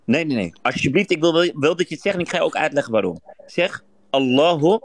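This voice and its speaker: A man's voice: on the high side, sing-song, racing, gravelly, slight background noise. A man with a Moroccan-Dutch street accent chatting casually in slang, insistent and repeating himself.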